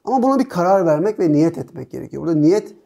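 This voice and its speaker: A man's voice: a little high, very animated, very fast, vocal fry, dark tone. A man as a guest on a talk show, explaining nutrition methodically in casual conversation.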